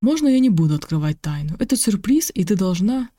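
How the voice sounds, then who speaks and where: A narrator voicing a secretive, restless Italian painter in an audiobook, speaking tenderly and then curtly. The voice is close and dry, with a warm, mellow tone. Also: medium pitch, sing-song, a little fast, dry recording, pitched above the performer's own voice. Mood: earnest.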